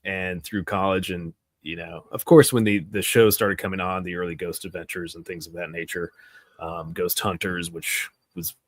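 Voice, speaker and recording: Deep-voiced guy in his 40s, florida, rambly storyteller, dry close sound. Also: little pitch movement, normal speed, dry recording. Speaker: podcast guest, paranormal show host. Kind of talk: casual chat. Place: outdoors.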